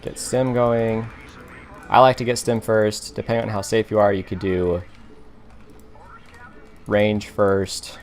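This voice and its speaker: Low-voiced man giving casual gameplay commentary. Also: slow pace, pauses often. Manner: relaxed, self-talking, explains moves as he plays. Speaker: gaming commentator.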